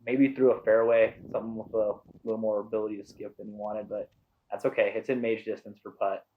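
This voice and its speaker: A man's voice: on the low side, level tone, a little fast, narrow, tinny audio. A man giving casual golf-style play-by-play commentary as a disc golf commentator, supportive of the players.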